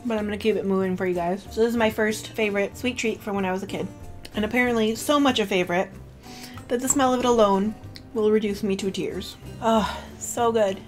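A woman's voice: mid-range voice, fast, soft background music. A young woman vlogging casually to camera, chatty and full of "like", emotional and close to tears. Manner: chatty, with filler "like" and self-corrections. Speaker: beauty vlogger.

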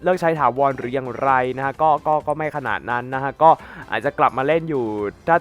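A man's voice: medium pitch, fairly quick, a bit bright, dull audio, faint music behind. A young man with a slight cold, chatting casually to his viewers while playing a game and wandering off into rambling asides. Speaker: gaming YouTuber. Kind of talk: casual gameplay commentary.

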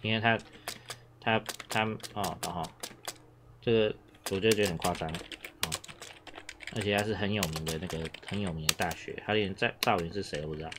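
Man, low voice, chatty Japanese teacher, repeats himself, coughs, noisy background with keyboard clicks. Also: fairly even intonation, a little fast, pauses often. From Taiwan. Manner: chatty, repeats himself, many filler sounds. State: coughing now and then. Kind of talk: casual language lesson.

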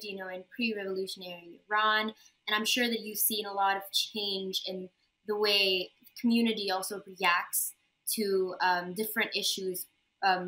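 Teen girl interviewer on video call, bright tone, polite, kinda hesitant w ums. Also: medium pitch, low-quality recording. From Indonesia. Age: teens. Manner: polite, a little hesitant, reading questions. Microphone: video call webcam.

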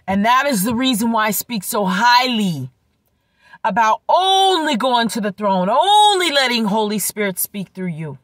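A woman's voice: fairly high pitch, sing-song, unhurried, no room sound. A woman with a swollen throat and tonsils delivering an impassioned, emphatic religious monologue, repeating phrases for weight. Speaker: religious video creator, preacher.

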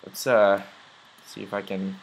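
A young let's play gamer rambles through casual commentary as he plays, chatty and full of ums and uhs. His voice is lowish, level, unhurried, and creaky, captured in a low-quality recording.

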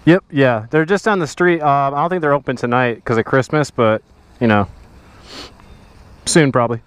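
A man's voice: mid-range voice, moderate pace, smooth, dry recording. A man chatting casually and in a friendly, slangy way as a motorcycle vlogger, talking from inside his helmet outdoors. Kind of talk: casual chat with people on the street. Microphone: helmet-mounted action camera setup.

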